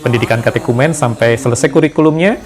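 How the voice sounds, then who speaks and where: A man's voice: mid-range voice, fast. A man talks through his own story at an easy conversational pace. His voice sits mid-range, and he stops here and there to hesitate and find his words. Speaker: interview guest telling his conversion story. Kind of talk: relaxed testimony conversation.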